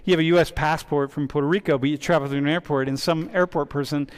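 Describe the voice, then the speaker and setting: A man teaching a university class as a relaxed, chatty professor who keeps breaking off and restarting. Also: on the high side, fast talker, smooth. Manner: chatty, interrupts himself often. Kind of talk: casual classroom discussion. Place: large lecture hall. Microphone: wireless mic. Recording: reverberant lecture hall.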